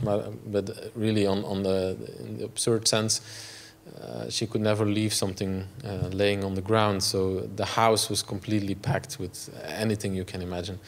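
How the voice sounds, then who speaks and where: Halting Belgian man with a flat voice. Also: fairly low pitch. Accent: Flemish Belgian. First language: Dutch. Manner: halting, many fillers and restarts. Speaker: artist giving a talk. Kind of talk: public artist talk. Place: gallery lecture room.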